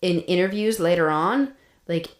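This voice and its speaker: In this roomy, echoey recording with a little hiss or hum, a podcast co-host chats her way through the story with frequent laughs, plenty of fillers, and many restarts. She has a lowish, expressive voice at a moderate pace.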